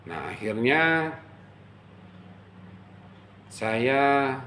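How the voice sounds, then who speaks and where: A middle-aged man from Java casually telling a personal story, animated and emotional, acting out the quotes. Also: mid-range voice, drawn-out words, a little hiss or hum. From Java, Indonesia. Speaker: storyteller recounting his life.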